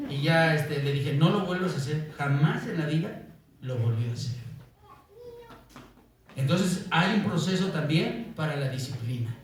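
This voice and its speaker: A man preaching a sermon as pastor, telling stories with lively acted-out voices and often asking "¿verdad?". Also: on the high side, a little slow, pauses often, recorded from a distance, slight background noise. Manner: animated storytelling, acts out quoted voices, asks "¿verdad?" often. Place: church. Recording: echoey church, voice from off-mic.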